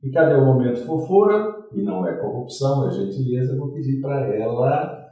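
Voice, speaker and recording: A male talk show host who talks theatrically, cracking jokes and hopping between subjects. His voice is warm and dark. He sounds a little far from the microphone in a very echoey room. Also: mid-range voice, fairly quick, dull audio. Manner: theatrical, jokey, jumps between topics. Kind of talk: lively studio interview.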